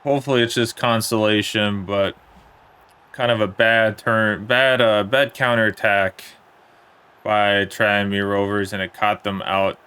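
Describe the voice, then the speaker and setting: A young man giving casual play-by-play commentary on a football video game match, in a plain, steady way that turns let down when his side concedes. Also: on the low side, unhurried, clean tone. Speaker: gaming commentator.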